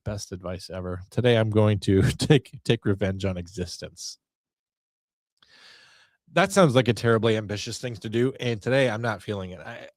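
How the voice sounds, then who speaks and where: A man's voice: lowish voice, a little mellow, dry recording, clean studio sound. A man in his forties hosting a podcast, telling self-mocking stories in a casual, wry monologue. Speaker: podcast host.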